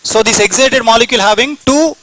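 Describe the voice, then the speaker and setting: A man's voice: very high voice, fast talker, a bit bright, no echo, poor audio. A man with an Indian English accent teaching a chemistry class, repeating points and asking and answering his own questions. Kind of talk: classroom lecture.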